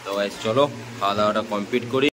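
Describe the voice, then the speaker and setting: Lower-voiced male vlogger with a sore throat. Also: steady tone, rapid-fire, echoey room, over music, rough recording. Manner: chatty, repeats subscribe requests. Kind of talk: casual daily vlog.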